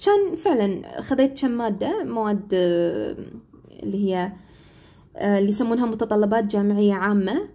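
A woman's voice: mid-range voice, animated, a little fast, pauses often, mellow. A young woman, an English teacher chatting casually on a live stream and often checking in with "right?".

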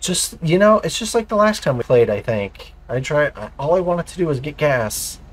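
A man playing a police officer in a game roleplay, mixing in-character radio calls with casual chat, animated and swearing as he narrates his actions. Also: fairly high pitch, normal speed.

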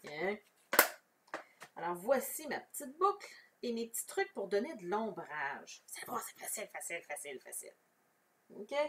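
With a fairly high-pitched voice and a Québécois French accent, a woman runs an informal, chatty craft tutorial, walking through each step and answering viewers. There's slight background noise, and her voice is somewhat distant from the mic.

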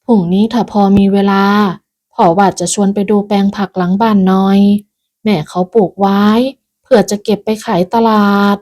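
A woman voicing a gentle, weary old father who speaks quietly. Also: mid-range voice, flat delivery, a little slow, lightly acted. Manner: soft quiet pleading.

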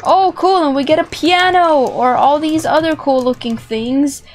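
A young gaming video host talks in a high, unhurried voice. Between giggles and exclamations she often repeats phrases, recording from a small room of plush toys with music in the background.

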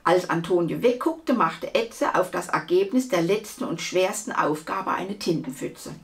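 A woman reading a children's book aloud, with lively, expressive storytelling. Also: on the low side, unhurried. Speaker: storybook reader.

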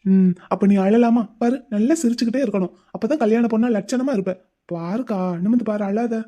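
A woman's voice: a little high, a little fast, mellow, natural voice. A woman voicing a caring, playful young man in a cartoon, coaxing and teasing his crying older sister in a chatty way. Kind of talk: Tamil cartoon voice acting.

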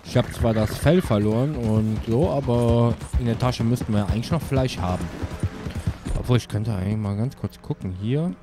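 A man's voice: medium pitch, moderate pace, over music. A man giving offhand gameplay commentary, thinking aloud in short casual remarks. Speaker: let's play host. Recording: game ambience and hoofbeats behind voice. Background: video game nature sounds, horse hooves.

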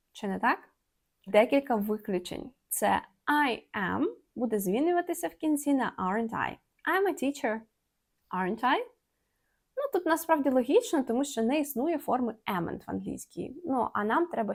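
A woman teaching English in an online video lesson, with a somewhat high, gravelly voice whose pitch leaps up and down with animation. She explains in a playful, affectionate way and slows down to read each example sentence clearly. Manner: playful, uses fond diminutive words.

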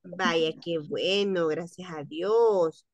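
Slow, patient woman teacher spelling aloud. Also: lowish voice, dry recording, highs cut off. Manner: patient and encouraging. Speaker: French teacher. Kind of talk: spelling contest in class.

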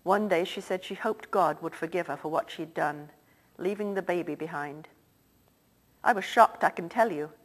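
In an audiobook reading with a somber mood, a woman voices an older, wealthy Irish-born theatre man who speaks in a confiding, lilting manner. Her natural voice is on the low side at a moderate pace, and the audio quality is poor.

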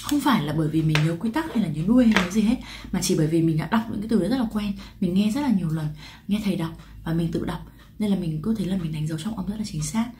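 A woman's voice: fairly low pitch, expressive, fast talker, darkish tone, slight background noise. A woman from Vietnam teaching English pronunciation in a chatty lesson, asking rhetorical questions and drawing out example words. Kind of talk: explanatory lesson to camera.

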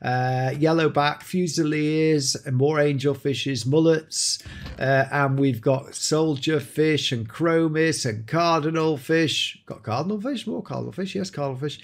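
A man whose voice is a little high and unhurried hosts an enthusiastic game showcase. As he shows off new creatures, his excited commentary is full of exclamations.

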